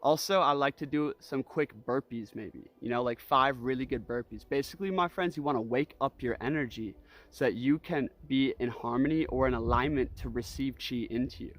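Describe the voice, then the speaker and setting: A man's voice: mid-range voice, moderate pace, fairly bright tone. A man teaching breathwork in a casual, easygoing way, guiding with repeated cues and loose, conversational filler phrases. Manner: easygoing, loose phrasing peppered with "you know", "like" and "right?". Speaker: breathwork and energy practice instructor. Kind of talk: casual spoken instructional demonstration.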